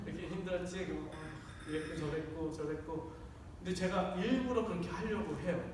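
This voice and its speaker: A man's voice: on the high side, normal speed, heavy background noise. A man preaching a sermon as pastor, chatty and acting out quoted lines. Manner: conversational, acts out quoted lines. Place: church sanctuary. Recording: echoey church hall from far off.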